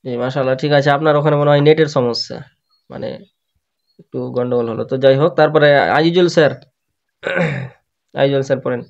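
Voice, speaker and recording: A man's voice: medium pitch, creaky, dull audio. Patient man teaching Quran recitation. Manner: patient, repeats words slowly for students to copy. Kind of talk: online tajweed class. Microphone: video call.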